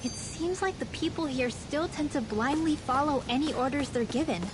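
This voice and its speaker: Loud rumbling noise sits behind a woman playing a young companion in a video game. Her voice is very high. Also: normal speed, close to an everyday voice. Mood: observant.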